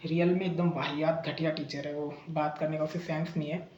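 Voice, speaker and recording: A man's voice: a little high, level tone, brisk, a little mellow, reverberant, highs cut off, slight background noise. A young man in casual vlog storytelling, retelling a bad experience in a chatty, indignant way, full of fillers and restarts. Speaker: vlogger recounting a bad coaching experience.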